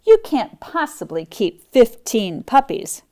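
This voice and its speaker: A woman's voice: on the high side, very animated, slow, warm tone, voice pushed up. A woman reading the part of a haughty, pushy rich woman villain in a children's storybook, imperious and dismissive.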